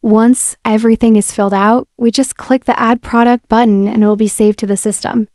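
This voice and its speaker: A woman on the high side of the pitch range speaks a little fast in a casual voice-over, taking viewers through an app step by step with relaxed friendliness. As a software demo presenter, she narrates a screen-recorded walkthrough on a voice-over mic. The audio is clean studio sound without echo.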